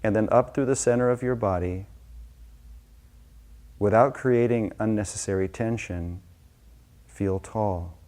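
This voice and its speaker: A male meditation teacher guides a session with slow, gentle, unscripted instructions, speaking softly and pausing often. His voice is fairly low in pitch.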